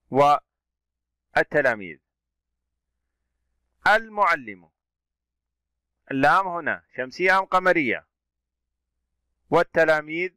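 A man teaching an Arabic reading lesson, sounding out letters and vowels slowly, asking questions and praising his pupils. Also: fairly high pitch, sharp tone, clear, resonant tone, no room sound. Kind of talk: classroom reading drill.

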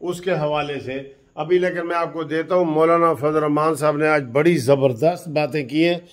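A man's voice: on the high side, steady tone, moderate pace. A man from Pakistan hosting heated political commentary, impassioned and accusing, repeating key phrases for emphasis.

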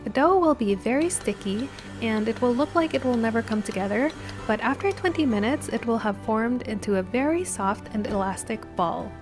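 A woman host calmly narrating a baking recipe step by step as a voice-over. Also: on the high side, moderate pace. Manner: steady step-by-step instructional delivery. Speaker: cooking channel host. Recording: voice-over with music behind.

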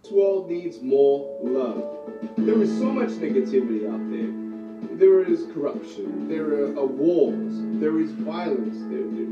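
A man from Australia giving an earnest, heartfelt motivational speech, heard from an online video played on a TV far from the mic. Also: fairly high pitch. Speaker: motivational speaker. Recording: online video on TV, far, roomy, dull, with music.

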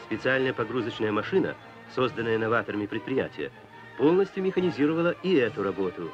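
A man's voice: mid-range voice, expressive, fast, dull audio, soft background music. A man narrating a 1960s newsreel in a solemn, declamatory tone, on an old film soundtrack.

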